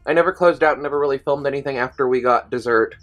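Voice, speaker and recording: A woman's voice: a bass voice, fast, faint music behind. A woman vlogging casually to a handheld camera, chatty and rambling, often poking fun at herself. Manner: chatty, rambling, self-deprecating. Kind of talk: casual diary vlog to camera.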